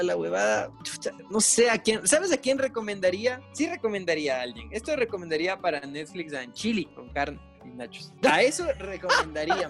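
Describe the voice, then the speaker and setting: A man co-hosting a podcast, chatting casually in a slangy, profane way and laughing often. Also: high voice. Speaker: podcast co-host. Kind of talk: casual chat.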